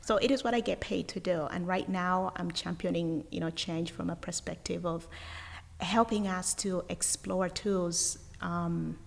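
A woman from Uganda, a guest talking casually in an interview, energetic and thoughtful, often restarting her sentences. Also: lowish voice, unhurried, vocal fry, in a large hall.

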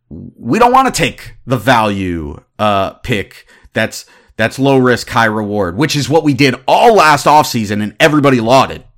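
A man in his thirties giving opinionated sports commentary as a podcast host, ranting in an animated, exasperated way. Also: mid-range voice. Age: 30s.

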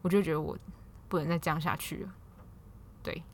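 A woman's voice: low voice, fairly even intonation, a little fast, a little hiss or hum. A woman in her twenties with a Taiwanese Mandarin accent, hosting a casual solo podcast and rambling through a story with many restarts. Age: 20s. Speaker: podcast host.

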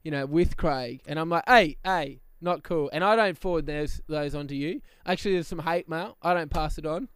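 High-voiced Australian man with a smooth tone. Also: a little fast, few pauses, no room sound, clean studio sound. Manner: laughs often while telling stories. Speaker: co-host. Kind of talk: casual comedic banter.

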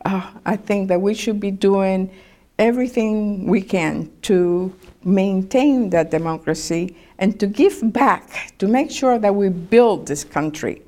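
An older woman from Cuba, earnestly sharing a personal reflection with measured pauses and fillers. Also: mid-range voice, mellow. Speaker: oral history contributor. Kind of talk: personal reflection, recorded story.

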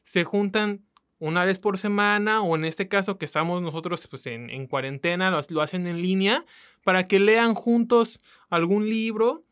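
A woman's voice: mid-range voice, moderate pace, smooth. Chatty mexican woman w coastal accent, casual podcast talk, slangy, mid-range voice. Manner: colloquial, chatty, addresses listeners directly. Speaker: podcast co-host.

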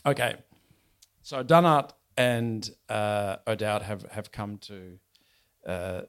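A man's voice: lowish voice, fairly even intonation, takes it slowly, smooth. A man, an author chatting wryly and reading aloud from his novel at a bookshop event. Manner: chatty, wry, with fillers and restarts.

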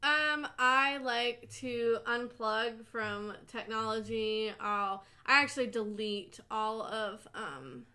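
A woman's voice: on the high side, slow, hardly any pauses, pushed and bright. A young woman co-hosting a podcast, talking casually and nervously, a bit out of breath and laughing, with lots of filler words. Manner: chatty, anxious and laughing, many "like" fillers. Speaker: podcast co-host. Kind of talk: casual chat.

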